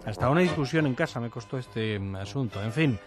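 A man's voice: medium pitch, expressive, a little fast, over loud music. A man explaining a grammar rule on a radio show, thinking aloud and repeating examples. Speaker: language columnist. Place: radio studio. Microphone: studio mic.

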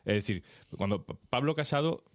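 A man commenting on a political panel, analytical and talking in quick bursts. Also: mid-range voice, expressive, dry recording, studio quality. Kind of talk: panel discussion.

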